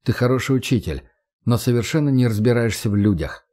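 A man voicing a self-assured young man who speaks calmly, bluntly and matter-of-factly. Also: mid-range voice, fairly quick, lightly acted. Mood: calm persuasive. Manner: calm, blunt, matter-of-fact.

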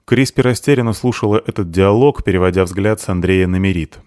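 A man reading a novel aloud as a steady audiobook narrator. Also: low-pitched, brisk, no room sound, studio quality.

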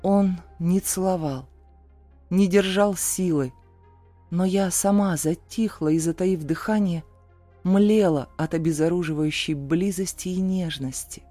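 A woman narrates a first-person romance audiobook in a soft, intimate storytelling manner. Her voice sits on the low side, read dry and close to the mic. Faint music plays beneath the narration. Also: unhurried, no room sound.

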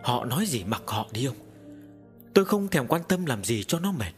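A man putting on a grieving older village mother in a storybook tale, earnest and tearful, lively pitch, faint music behind. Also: moderate pace, natural voice. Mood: stubborn.

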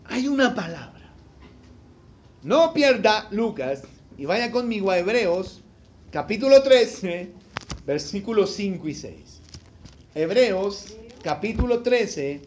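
A man preaching a sermon as pastor, calling questions out to the congregation and repeating scripture lines over and over. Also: very high-pitched. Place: church service.

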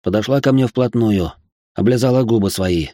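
Low-voiced male audiobook narrator. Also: normal speed, warm tone, dry recording, studio quality. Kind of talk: first-person novel narration.

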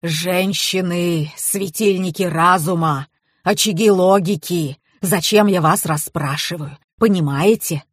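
A woman voicing a fussy, exasperated portly male police colonel in an audiobook, talking down slowly and emphatically. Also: on the low side, husky, dry recording, clean studio sound. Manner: grumbling, condescending, slow and emphatic. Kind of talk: audiobook character reading.

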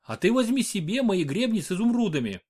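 A man voicing a frightened young noblewoman in labour, pleading in high, sobbing tones. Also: sing-song, a little fast, darkish tone, husky, full character voice. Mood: tearful pleading.

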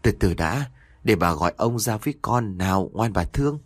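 A man's voice: lowish voice, expressive, moderate pace, no room sound. Guy playing scared old granny praying, pleading murmur, dry sound. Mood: soothing. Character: frightened pious old village grandmother.

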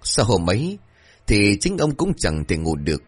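A man narrating a horror story in a dramatic, expressive way. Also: on the low side, normal speed, slightly rough, faint music behind.

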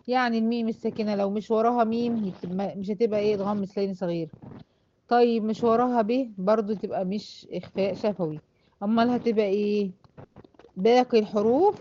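A woman with an Egyptian accent teaching Quran recitation rules, asking and answering her own questions and reciting examples slowly. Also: medium pitch, warm tone, muffled recording, slight background noise. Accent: Egyptian Arabic. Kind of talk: online class teaching tajweed.

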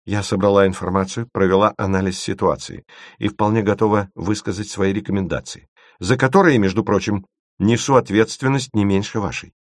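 Man reading a young woman investigator, insistent, formal, low voice, dry sound. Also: steady tone, a little fast, no echo, natural voice. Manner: insistent, turning cool and formal. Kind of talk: audiobook reading.

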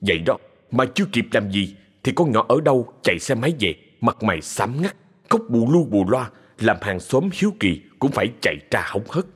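A man tells a ghost story in a husky voice with a lively swing of pitch. The reading carries a long reverb tail. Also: moderate pace. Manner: lively, colloquial telling.

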